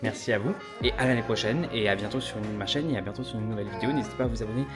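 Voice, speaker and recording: A man's voice: fairly low pitch, rapid-fire. A man chatting casually and effusively to a vlog audience in a camp manner, as the host. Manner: chatty, effusive, camp, calling people "ma belle". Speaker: vlog host, drag performer and makeup brand founder. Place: beauty convention pop-up stand. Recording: loud music behind, vehicle noise.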